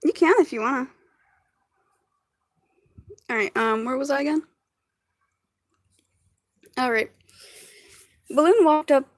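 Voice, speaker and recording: High-pitched girl reading a story to her stream, slow and giggly, keeps stumbling and chatting. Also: dry recording. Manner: giggly, stumbles over words and chats with viewers between lines. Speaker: streamer reading fan fiction aloud. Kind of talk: casual livestream read-aloud.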